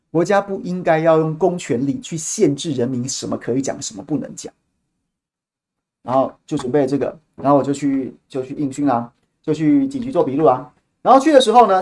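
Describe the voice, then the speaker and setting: A man hosting a podcast, telling a story in an animated, casual way and repeating words as he goes. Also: a little high. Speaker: podcast host.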